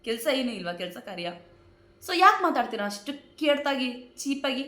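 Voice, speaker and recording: A woman's voice: high-pitched, big pitch swings, moderate pace, pushed and bright. A woman in her thirties with a Kannada accent, talking to camera and indignantly answering her critics with repeated rhetorical questions. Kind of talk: emotional direct-to-camera talk. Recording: echoey room.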